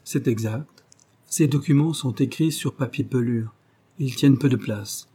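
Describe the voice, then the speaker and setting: A man's voice: medium pitch, unhurried, warm tone, husky. A man voicing a startled young male government official who asks surprised, protesting questions in a storybook reading.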